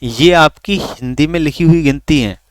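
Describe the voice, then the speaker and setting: एक आदमी, जो रिकॉर्ड की गई ऑनलाइन क्लास पढ़ाता है, खुद सवाल पूछकर खुद जवाब देता है और स्वरों को खींचकर बोलता है।. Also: male voice, a little high, normal speed, no room sound, studio quality. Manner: asks questions then answers them himself; drags out vowels to demonstrate. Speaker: teacher. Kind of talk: recorded online lesson.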